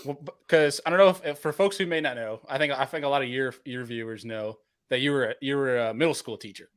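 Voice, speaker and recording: A man's voice: medium pitch, fast talker. A man hosting a fishing podcast, chatting casually and laughing often. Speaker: podcast host. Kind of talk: casual chat.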